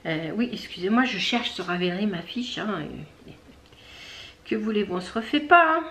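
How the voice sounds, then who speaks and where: A woman hosting a knitting video podcast from home, chatting casually with many fillers, pausing to search for words and things. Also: medium pitch, sing-song, fairly bright tone, a little hiss or hum. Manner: chatty, talks straight to viewers. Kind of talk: casual show-and-tell chat.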